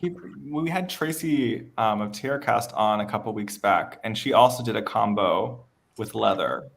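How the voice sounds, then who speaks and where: A man's voice: on the low side, moderate pace, vocal fry. A man hosting a live beading show, chatting casually, reading out viewer questions and laughing often. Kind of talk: casual livestream chat. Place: West Coast of the United States.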